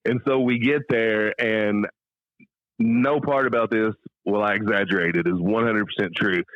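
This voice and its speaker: A man's voice: lowish voice, normal speed, no room sound, highs cut off. A middle-aged American man, a stand-up comedian telling anecdotes casually as an interview guest and acting out quoted lines. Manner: animated storyteller, acts out quoted lines.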